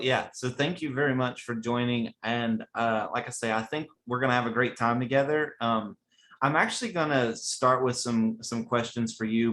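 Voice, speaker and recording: Male webinar host, Appalachian accent, folksy and eager, conversational delivery at a medium pitch. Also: a bit bright. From West Virginia, USA. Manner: enthusiastic, chatty, folksy. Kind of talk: casual webinar talk.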